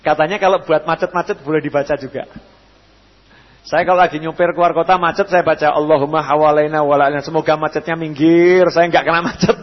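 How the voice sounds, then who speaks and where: High-voiced Javanese preacher in an echoey hall. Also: male voice, fairly quick. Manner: lively, acts out quoted speakers with sudden jumps in pitch and loudness. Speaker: preacher at a mosque study session. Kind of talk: religious lecture answering questions. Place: mosque hall. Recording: dull, echoey hall radio recording.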